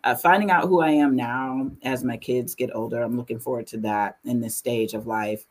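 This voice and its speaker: A woman in her forties, a guest in an interview, speaking in a reflective, measured way with hesitant restarts. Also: a bass voice, steady tone. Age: 40s. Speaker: interview guest, university administrator. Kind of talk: conversational interview.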